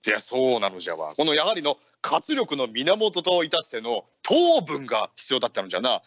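A man's voice: mid-range voice, huge pitch swings, brisk, a bit bright, dry recording, dull audio, full character voice. Man playing a hearty, lordly ninja chief. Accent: Aichi dialect. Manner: lordly, old-fashioned speech. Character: older male ninja leader, hearty and commanding. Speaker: radio host. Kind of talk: in-character radio talk in archaic samurai speech.

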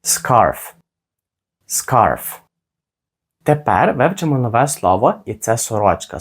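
Husky-voiced male English teacher. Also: medium pitch. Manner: slow, careful model phrases for repeating. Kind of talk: spoken language lesson.

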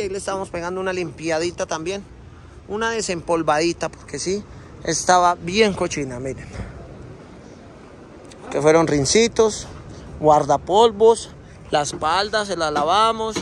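Holding his phone camera at arm's length, a Colombian-accented man in his thirties shows his trucks around the outdoor yard and cab for a casual vlog. As a trucking company owner, he chats fondly, heavy on diminutives, in a high-pitched, somewhat bright voice, with a little hiss or hum in the recording.

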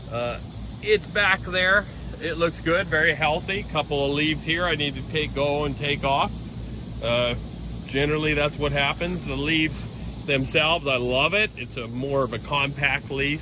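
A man's voice: fairly high pitch, background noise. A middle-aged man giving a casual, rambling walking tour of his giant pumpkin garden outdoors, filmed on a handheld phone. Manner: relaxed, rambling, explains as he walks.

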